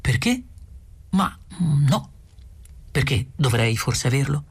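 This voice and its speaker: A man voicing a panicked young man who shrills and shouts in outrage, in an audiobook reading. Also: mid-range voice, expressive, measured pace, husky, full character voice. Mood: puzzled.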